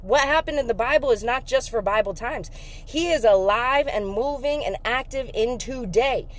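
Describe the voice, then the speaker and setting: A woman telling an emotional faith story in a casual vlog, emphatic and excitable, breaking into laughter. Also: on the high side, moderate pace. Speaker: faith vlogger.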